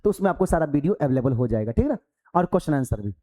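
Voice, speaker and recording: A man's voice: on the high side, very animated, fast, warm tone. A male coaching teacher, giving a live online class from the hall of his coaching centre, talking conversationally with rhetorical questions and acting out pupils.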